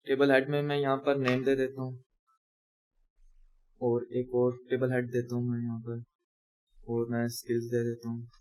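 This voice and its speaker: A man's voice: mid-range voice, completely flat delivery, normal speed, pauses often, a little mellow, slight background noise. Man explaining code step by step. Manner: talks through each step while typing, self-correcting. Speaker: coding teacher. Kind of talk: screen-recorded coding tutorial.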